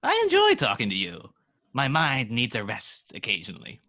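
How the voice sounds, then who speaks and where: A man's voice: mid-range voice, huge pitch swings, moderate pace, bright, forceful tone, full character voice. A man acting a gleefully menacing villain boss in a script read, theatrical and taunting. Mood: mocking. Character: the Joker, gleefully menacing adult male crime boss villain.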